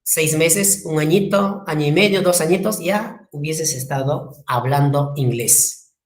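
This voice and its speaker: A man's voice: fairly high pitch, unhurried, roomy sound. A male language teacher giving a classroom lecture, repeating key terms, spelling words out and asking the class rhetorical questions.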